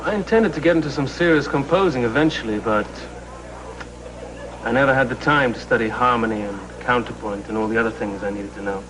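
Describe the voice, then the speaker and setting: Guy acting modest soap opera musician, easygoing, mid voice, clear noise in the background. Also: medium pitch, a little fast, lightly acted. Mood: modest, friendly. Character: modest self-taught working musician.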